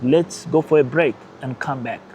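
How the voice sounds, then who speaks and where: A man hosting his own channel talks politics emphatically and with animation, laughing briefly now and then. Portuguese is his first language and his accent shows it. His pitch is medium, his speed normal, with a little background noise.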